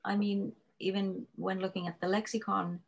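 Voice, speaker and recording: A woman speaking as a guest in an academic panel conversation over a video call. She answers in a measured way and often fills pauses with "like". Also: medium pitch, level tone, gravelly, breathy edge, dull audio. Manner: measured, uses "like" as a filler.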